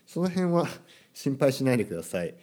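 A man's voice: medium pitch, sing-song, brisk, mellow. A man from Kyushu with a standard accent, hosting a casual solo podcast for language learners and chatting with frequent asides and questions to the listener. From Kyushu, Japan. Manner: chatty, self-deprecating, frequent filler asides and rhetorical questions. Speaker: podcast host.

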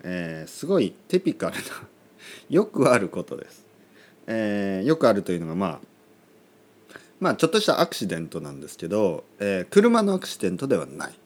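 Playful, lively-voiced male podcast host. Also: lowish voice. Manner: playful and jokey, speaks slowly and clearly to learners. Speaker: podcast host teaching Japanese learners. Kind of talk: casual solo podcast talk.

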